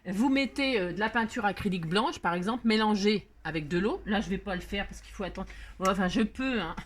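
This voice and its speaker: A woman's voice: medium pitch, fairly quick, slight background noise. A woman hosting a casual craft tutorial, chatty and scatterbrained, laughing at herself as she works. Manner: sings playfully while working.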